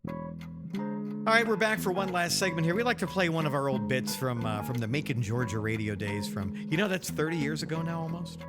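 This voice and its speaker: A man in his fifties co-hosts a podcast, swapping casual anecdotes and banter full of teasing jokes and acted-out quoted dialogue. His fairly high voice swings widely in pitch and moves a little fast, with loud music playing behind him.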